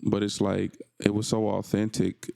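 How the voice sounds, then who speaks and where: A man with a deep, very gravelly voice that stays flat and seldom rises. He co-hosts a podcast in casual chat. He tells his story in a laid-back way, often restarting phrases, and his voice sounds dark and dry, close to the mic. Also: moderate pace, no room sound. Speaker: podcast co-host.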